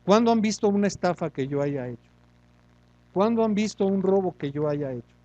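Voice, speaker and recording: High-voiced man preaching. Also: normal speed, dry recording, highs cut off. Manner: animated, rhetorical questions, self-mocking humor. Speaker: pastor. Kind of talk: sermon.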